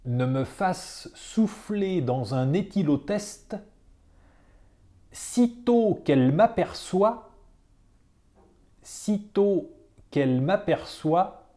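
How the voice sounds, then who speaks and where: Dictation teacher, extremely slow, repeats each phrase, calls out punctuation, dark mellow voice. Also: medium pitch, animated. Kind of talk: reading a dictation aloud.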